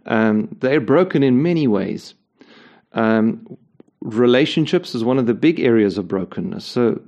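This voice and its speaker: An earnest man with a dark, mellow voice talks through a story in an interview. He often doubles words as he starts a phrase, speaking as a ministry leader. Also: medium pitch.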